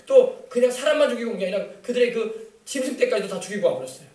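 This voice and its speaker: A man preaches with quick, urgent emphasis, prodding his listeners with rhetorical questions. His voice sits high for a man and rings through an echoey sanctuary. He is heard from some distance from the mic. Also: animated, a little mellow. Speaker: pastor. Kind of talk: sermon. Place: church sanctuary. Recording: echoey church from far off.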